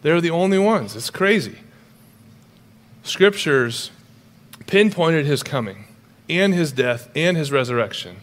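A middle-aged male pastor preaching a sermon in a lively, conversational way with humorous asides. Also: a little high, a little slow, pauses often.

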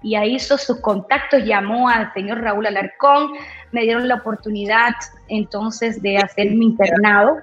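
Bold, lively woman in an echoey room. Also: a little high, normal speed. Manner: bold, lively, acts out quoted dialogue. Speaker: radio announcer, interview guest. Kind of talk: storytelling interview chat. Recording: roomy echo, dull lo-fi sound, faint music.

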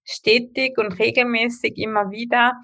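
A woman's voice: a little high, fairly even intonation, moderate pace, fairly bright tone. Earnest woman host, lifestyle coach. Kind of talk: casual conversation.

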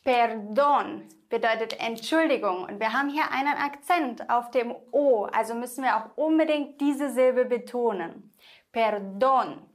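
A young woman teaching Spanish pronunciation in German, slowly and carefully, repeating each example word for the listener to echo. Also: fairly high pitch. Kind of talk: online language lesson.

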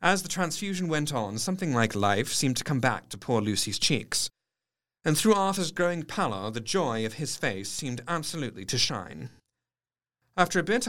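An actor playing an earnest, observant male doctor narrating his diary in an audio drama, articulate and measured. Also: on the high side, sing-song, fairly bright tone. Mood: grave, observant. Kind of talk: scripted first-person narration, audio drama.

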